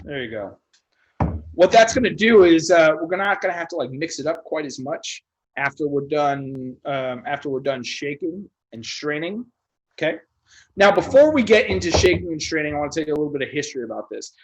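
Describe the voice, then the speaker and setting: A man with a slightly high voice runs a casual online cocktail class. He talks like a bartender among friends, loose and joking, with the odd casual swear. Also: expressive, a little fast.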